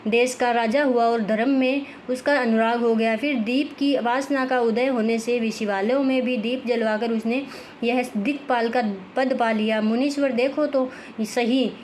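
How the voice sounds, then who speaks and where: A woman reading a scripture story aloud, halting and restarting many words as she goes. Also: a little high, fairly even intonation, a little mellow, a little hiss or hum. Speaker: scripture reader.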